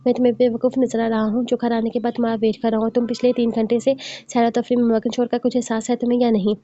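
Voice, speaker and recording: A woman's voice: on the high side, level tone, quick pace, warm tone, lightly acted. A woman reading as a possessive young husband. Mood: stern. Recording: dull, dry close recording.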